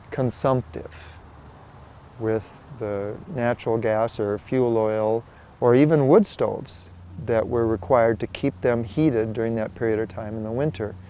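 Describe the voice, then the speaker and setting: An older man, an organic farmer, explaining his work in a documentary interview in a measured way, pausing now and then to find his words. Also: medium pitch, mellow.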